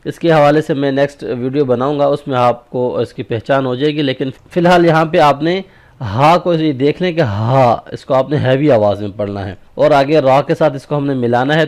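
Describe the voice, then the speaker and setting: A man's voice: mid-range voice, darkish tone. Patient male Quran recitation teacher. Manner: patient step-by-step explaining, checking in with "okay?"; breaks off into slow, drawn-out recitation examples. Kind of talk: tajweed lesson.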